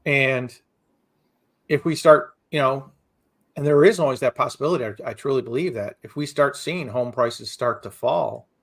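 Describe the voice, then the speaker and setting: A man's voice: mid-range voice, normal speed, creaky. A man co-hosting a real estate podcast in casual chat, repeating himself and leaning on "you know" as he talks things through. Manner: loose, repeats words, lots of "you know".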